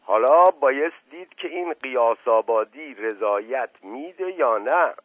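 A man voicing a chatty rustic old servant who rambles in a folksy, quick way, on a tinny radio recording. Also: mid-range voice, expressive, dry recording, pitched above the performer's own voice, lightly acted. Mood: earnest.

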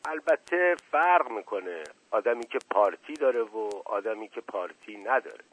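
A man's voice: fairly low pitch, animated, fairly bright tone, husky. A man voicing a junior police officer who speaks in an eager, deferential way. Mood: bashful. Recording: tinny lo-fi dry audio.

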